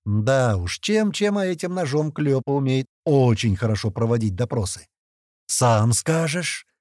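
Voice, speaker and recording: A male narrator reads a first-person audiobook with a lively, expressive delivery. His pitch moves freely, and the recording is dry and close. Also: moderate pace, dry recording.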